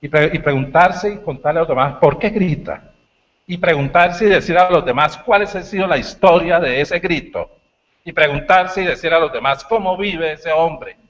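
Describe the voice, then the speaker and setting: A man giving a university lecture, telling stories with animated, shouted bits. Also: on the high side, normal speed, lo-fi sound. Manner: animated storytelling, shouts acted lines. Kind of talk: lecture talk.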